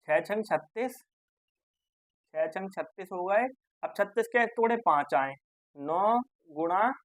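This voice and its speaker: A man's voice: high-pitched, no echo. Coaxing male maths teacher, dry sound. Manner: coaxing, addresses students as dear children, asks and answers own questions. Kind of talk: step-by-step classroom explanation.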